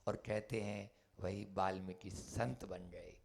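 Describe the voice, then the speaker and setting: A male monk preacher telling a story in a sermon, dramatic, swinging from loud bursts to hushed lines. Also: sits low, steady tone, slow pace, vocal fry, slightly rough.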